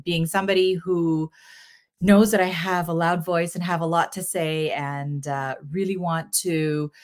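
Over a video call from her home office, a Sri Lankan filmmaker in her forties answers interview questions as a guest. She speaks earnestly in bursts with many fillers, in a fairly low voice.

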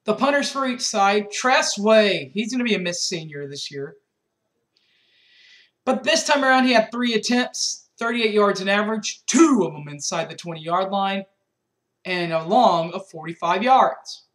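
Expressive and a bit bright, a young man's high voice moves at a measured pace as he reviews a college football game. He sits in a small bedroom with a webcam on the desk, carefully reading out scores and stats and occasionally restarting.

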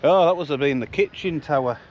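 Speaking a little fast in a fairly high pitch, a man from Yorkshire offers casual, jokey vlog commentary about van life to his viewers. The location audio is muffled, with slight background noise.

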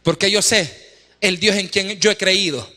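A pastor preaches a Sunday sermon in a church sanctuary, exhorting the congregation with emphatic, repeated calls and acting out little husband-and-wife scenes in asides. His voice is high and sharp in tone, a little slow. The live hall carries echo and music.

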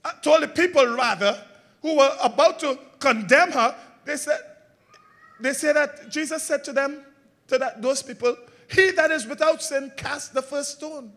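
At a moderate pace, a man preaches as pastor, prompting his congregation with call-and-response questions. His voice rises to emphatic heights and sinks to quiet lows.

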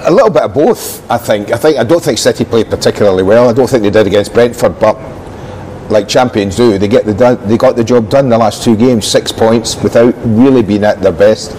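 A man's voice: fairly low pitch, a little fast, mellow, slight background noise, poor audio. An older man giving blunt, opinionated football analysis in a TV studio on a lapel mic. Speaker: football pundit.

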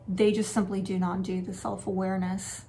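A woman's voice: mid-range voice, little pitch movement, normal speed, dark tone, slight background noise. A woman hosting a relationship advice talk, speaking frankly in a casual, lightly sarcastic way. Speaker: relationship and dating advice host.

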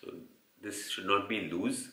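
A chatty Indian man in his forties talks to a handheld camera, explaining each step in an upbeat way. His voice sits low but sounds bright and forceful. The rooms echo, with a faint hum of traffic behind him. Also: measured pace. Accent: Indian English. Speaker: cycling vlogger. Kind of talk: casual vlog narration to camera. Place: hotel room, car and street at night. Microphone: handheld camera at arm's length.

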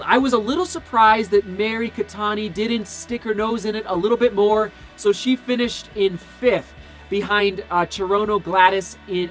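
A running vlogger in his thirties, voice slightly hoarse and worn out, talks through race results to the camera in a small home studio stacked with shoe brand boxes. His pitch sits high and the recording quality is poor. He's enthusiastic and rambling, full of fillers and self-corrections.

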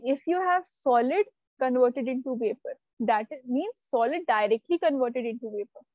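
A high-pitched woman teacher with a soft, mellow tone. She explains step by step and keeps checking that her students follow. The sound is dull and lo-fi, like online class audio, and very dry. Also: no room sound. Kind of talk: live online class lecture.

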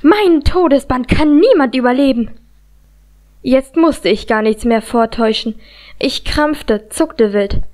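A woman with a high voice reads a first-person fantasy audiobook. Her delivery is tense and dramatic, and she carries the action forward steadily. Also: a little mellow. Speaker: audiobook reader.

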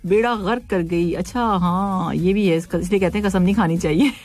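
A woman hosting a casual radio show, reading listener messages, playful and quick to laugh and tease. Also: lowish voice, darkish tone. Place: radio studio.

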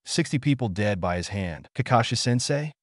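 A shaky, halting teenage boy ninja speaks in a storybook reading, as a male narrator puts him on. The voice sits a little higher than the narration and moves a lot in pitch. The sound is dry and close. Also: expressive, dry recording, close to an everyday voice. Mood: shaken. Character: shaken teenage boy ninja, smug when proud.

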